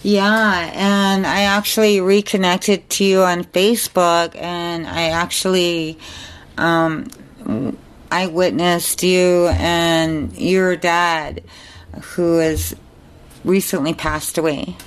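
A woman's voice: on the low side, little pitch movement, slow, clean tone. A woman hosting a community radio interview, asking questions hesitantly with many fillers. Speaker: radio host.

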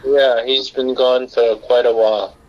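A middle-aged man from Singapore, speaking as a guest on a talk radio show. He answers at length in an earnest way, often stopping to restart a sentence, in a voice of ordinary pitch. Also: little pitch movement, unhurried, a little mellow, highs cut off. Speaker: guest, director and writer.

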